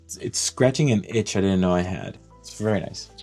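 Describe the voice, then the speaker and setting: A man's voice: low voice, fairly quick, darkish tone, faint music behind. Gushing man reviewing fragrances. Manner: enthusiastic, gushing, thinks aloud. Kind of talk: excited unboxing commentary.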